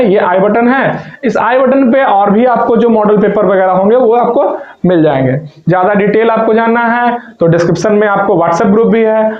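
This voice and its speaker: A male teacher walking students through an exam paper, asking questions and answering them himself, speaking affectionately to his pupils. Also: sits high. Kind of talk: exam paper walkthrough lesson. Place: filmed room with a camera operator. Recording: echoey room, slightly dull sound.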